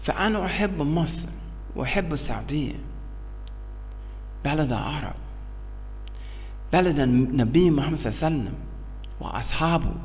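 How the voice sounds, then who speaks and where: A middle-aged American man speaking earnestly and emphatically in halting, broken Arabic with an English accent, as in an informal religious talk. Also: fairly high pitch, expressive, a little mellow, slight background noise. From United States. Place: small bare indoor room. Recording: echoey reverberant room.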